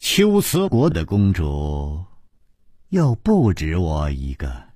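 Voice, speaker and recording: A male storyteller voicing a playful, teasing young princess, speaking softly and low. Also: wildly swooping pitch, takes it slowly, husky, dry recording, studio quality, full character voice. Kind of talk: storytelling with voiced characters.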